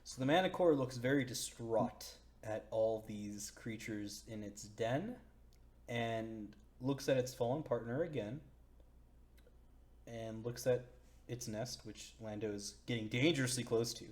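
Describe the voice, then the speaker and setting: A man narrating as dungeon master in a home tabletop session, relaxed and chatty, often restarting his sentences. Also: medium pitch, unhurried. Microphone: home computer mic, voice chat.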